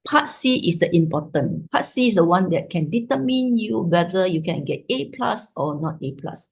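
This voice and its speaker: Husky Malaysian woman teacher switching English and Malay. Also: fairly low pitch, expressive, normal speed. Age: 50s or older. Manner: switches between English and Malay mid-talk; checks in with tags like "right", "ya", "lah". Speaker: chemistry teacher giving an online revision class. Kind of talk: informal online lesson. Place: online video call with screen share.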